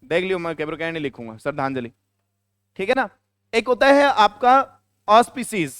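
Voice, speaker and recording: A man teaches a classroom lesson in a high, crisp voice. He keeps quizzing his students and repeating the answers. The sound is close and dry, with no room echo. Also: normal speed, fairly bright tone. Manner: questions the students and answers himself, repeating key words. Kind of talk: classroom lecture.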